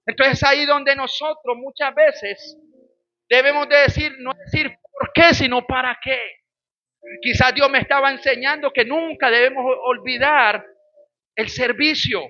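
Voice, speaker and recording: A man from Colombia with a Colombian Spanish accent, preaching a sermon with lively storytelling that rises into shouted exhortation. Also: extremely high pitch, a little slow, muffled recording. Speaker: pastor.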